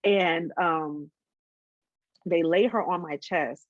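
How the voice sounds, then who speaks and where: A woman's voice: on the low side, takes it slowly, no room sound, muffled recording. A woman in her twenties telling a personal story in a casual interview, candid, with many ums and restarts. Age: 20s.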